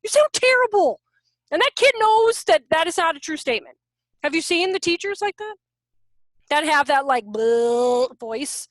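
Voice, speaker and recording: Casual woman workshop presenter on a video call, high and expressive, animated with quick asides. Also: dry recording. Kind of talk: casual teaching talk. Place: room at home.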